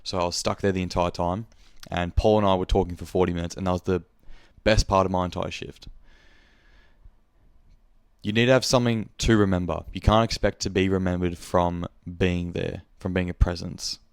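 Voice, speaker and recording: A man's voice: deep voice, fairly even intonation, moderate pace, gravelly, smooth, dry recording, studio quality. A young man with an Australian accent, hosting a podcast in a casual, rambling monologue, speaking frankly and swearing freely. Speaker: podcast host.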